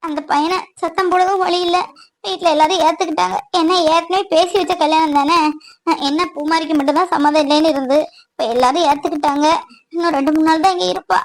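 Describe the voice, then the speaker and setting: Woman voicing a married young woman, cartoon, earnest, reassuring, high voice. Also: fairly even intonation, fast talker, low-quality recording.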